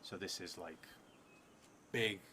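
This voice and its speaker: Slow and low-voiced, a man in his thirties hesitantly muses his way through an improvised tale for a solo tabletop game, often drifting off mid-thought. He's a roleplay player and streamer seated at a table in a theatre room, and the recording carries clear room noise.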